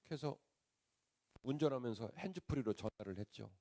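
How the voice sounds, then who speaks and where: A male pastor tells a story in a sermon, jumping between loud outbursts and hushed asides. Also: medium pitch, animated, moderate pace. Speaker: pastor, revival preacher. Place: church sanctuary.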